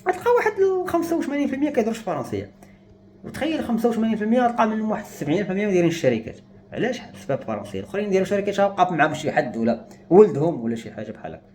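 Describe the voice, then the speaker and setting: A man's voice: sits high, sing-song, racing, a little mellow, slight background noise. A young man with a Moroccan Arabic accent, speaking to camera in an agitated, despairing rant. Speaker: vlogger. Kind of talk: emotional monologue to camera.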